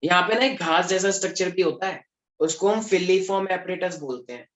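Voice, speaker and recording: In an echoey classroom, a young Delhi man gives a lecture that's chatty and full of jokes, mixing English words into his speech. He speaks at a moderate pace in a high-pitched, slightly bright voice.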